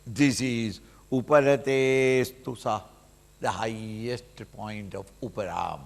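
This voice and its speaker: A man's voice: fairly low pitch, slow, vocal fry. A man with an Indian accent giving a dramatic spiritual discourse as a teacher, emphatic and full of rhetorical questions. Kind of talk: animated sermon with acted-out examples. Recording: reverberant hall with long echo.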